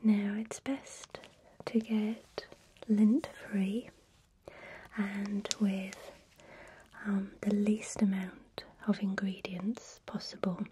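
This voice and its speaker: A woman speaking in a soft, breathy whisper, giving a calm ASMR tutorial as a spa technician. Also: medium pitch, slight background noise.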